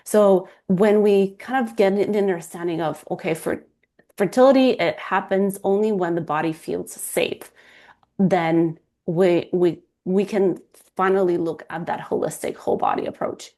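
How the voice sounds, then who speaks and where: A Romanian woman in her thirties with a Romanian accent speaks in a fairly low, mellow voice at an unhurried pace. She's a guest fertility coach in a casual interview, talking earnestly and often restarting as she searches for words.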